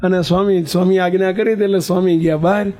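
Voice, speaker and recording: A man's voice: high voice, fairly even intonation, fast, warm tone. A man telling a devotional story as a sermon to a gathering, chatting conversationally and quizzing his listeners.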